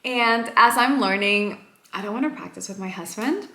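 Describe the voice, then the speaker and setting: Speaking at a moderate pace in a medium-pitched voice, a woman chats casually to camera at home, her tone bright and forceful. She's a lifestyle vlogger, a native Spanish speaker, upbeat and encouraging, and her room gives the audio a noticeable echo.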